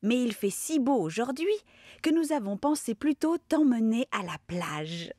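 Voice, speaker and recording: A kindly grandmother rabbit chats cheerfully in a storybook cartoon, put on by a woman. Her voice is a little high and sings along its phrases. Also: lively intonation, unhurried, dark tone, no room sound, studio quality.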